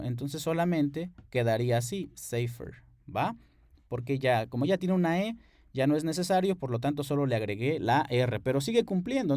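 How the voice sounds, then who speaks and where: A man's voice: a little high, darkish tone, dry recording, clean studio sound. A man teaching an English grammar lesson at a board, patient, explaining rules step by step and checking in with his students.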